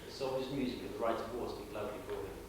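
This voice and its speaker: A man's voice: fairly low pitch, quick pace, natural voice. A young man playing a commanding, solemn conquering prince in theatrical Shakespearean stage acting. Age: young adult. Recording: echoey hall, distant mic, clear noise.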